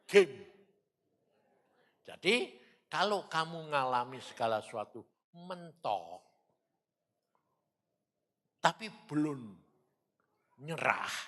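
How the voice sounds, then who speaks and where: A male preacher tells a testimony slowly, with a bright, forward tone. His pitch swings widely as he acts out both sides of a dialogue with God, shifting from loud bursts to quiet, low lines. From Indonesia. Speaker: evangelist preacher. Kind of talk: sermon testimony. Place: church or studio.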